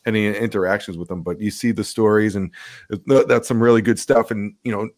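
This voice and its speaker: A man co-hosting a podcast, chatting casually and haltingly with lots of fillers. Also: on the low side, steady tone, darkish tone. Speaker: podcast co-host. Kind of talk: casual chat.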